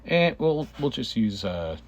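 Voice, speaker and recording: A man narrates his own gameplay at a slow, halting pace. He sounds casual and hesitant, working things out aloud, and he has a cough that keeps him clearing his throat. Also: medium pitch, very animated.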